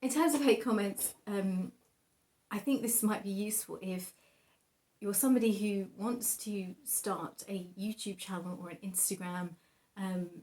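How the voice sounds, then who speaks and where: A woman's voice: medium pitch, unhurried, darkish tone. A young adult woman chatting casually as a painter showing her own work, rambling in a giggly, self-deprecating, hesitant way. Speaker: painter presenting own artwork. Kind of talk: casual rambling vlog chat.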